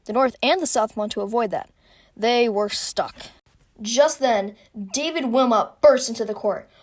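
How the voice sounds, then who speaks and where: A woman's voice: on the high side, measured pace, a little mellow. A young woman narrating a sarcastic comic history explainer, recorded on a phone. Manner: sarcastic, playful. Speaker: video creator.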